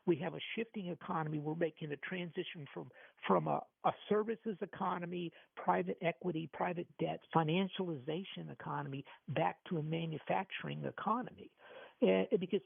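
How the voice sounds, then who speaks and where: A financial talk-show host taped off the radio, his man's voice deeply gravelly and a bit high for a man. He stumbles through frequent restarts. The tinny, dry broadcast sound is thin and phone-like. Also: steady tone, brisk, dry recording. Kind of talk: call-in radio talk on markets.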